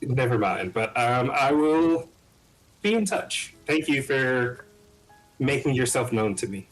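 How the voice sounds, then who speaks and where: A man's voice: medium pitch, expressive, slow pace, poor audio. A man playing a tabletop game who talks hesitantly, full of ums and restarts. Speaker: player. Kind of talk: casual tabletop play. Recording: faint background music.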